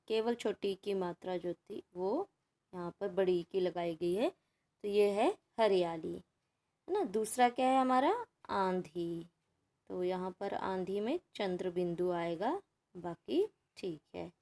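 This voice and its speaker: A woman's voice: mid-range voice, dark tone. A woman teacher patiently working through a Hindi grammar workbook, explaining each answer step by step and checking in with students. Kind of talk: workbook lesson walkthrough.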